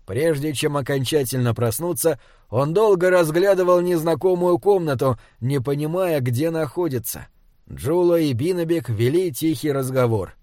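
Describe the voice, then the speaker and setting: A man's voice: fairly high pitch, expressive, moderate pace, dark tone, no echo, clean studio sound. Man reading a fantasy audiobook. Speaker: audiobook narrator. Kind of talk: scripted narration.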